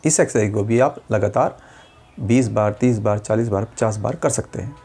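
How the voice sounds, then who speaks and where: A man, a speech therapist calmly explaining exercises step by step. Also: lowish voice, moderate pace, slightly rough. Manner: patient, step-by-step, demonstrates sounds. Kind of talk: instructional demonstration.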